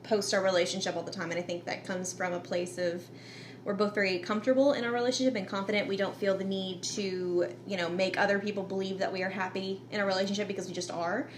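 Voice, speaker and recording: A young woman co-hosting a casual podcast chat with her fiancé, candid and quick to laugh. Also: mid-range voice, steady tone, a little hiss or hum. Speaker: podcast co-host.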